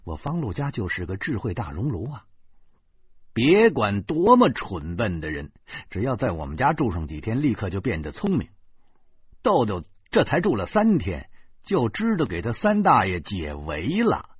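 Male narrator, husky and animated, dry close sound, dull lo-fi audio. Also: lowish voice, moderate pace, no echo. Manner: lively, comic storytelling with big swings. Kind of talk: first-person novel reading. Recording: dull lo-fi recording.

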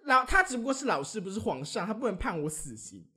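A young man, co-hosting a podcast and telling stories in casual, animated chat. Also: high-pitched, fast. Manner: animated storytelling, often laughing. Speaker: podcast co-host.

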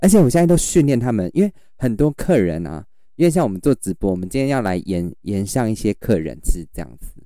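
A man's voice: lowish voice, fast, no room sound, studio quality. A man, a livestream seller telling stories in casual chat and acting out his customers. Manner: animated storyteller, acts out customers.

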